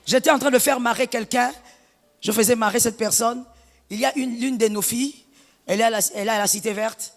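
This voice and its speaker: A woman pastor delivering an animated sermon, her preaching rising to shouts. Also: fairly high pitch, brisk, long reverb tail.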